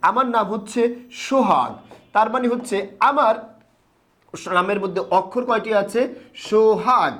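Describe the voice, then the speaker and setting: A man with a high voice teaches a grammar lesson to camera. He moves step by step, asking his viewers questions and then answering them himself. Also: moderate pace, pauses often, a bit bright.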